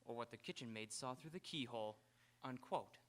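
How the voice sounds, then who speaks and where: A man's voice: medium pitch, brisk, lightly acted. A man playing an indignant, sarcastic magazine writer, protesting in a live radio comedy. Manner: sardonic, protesting. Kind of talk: live radio drama acting. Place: auditorium stage, live radio theatre.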